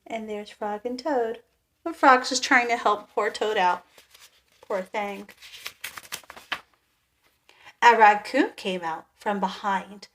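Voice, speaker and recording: Woman, children's story reader, gentle and slow, softly chatty asides. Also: medium pitch. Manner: gentle, with soft sympathetic asides. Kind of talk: reading a picture book aloud to kids.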